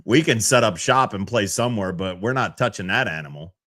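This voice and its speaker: A man's voice: fairly low pitch, a little fast. A man co-hosting a podcast, casual sports talk, arguing his point with business comparisons. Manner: lively, animated, argues with business analogies. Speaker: podcast co-host.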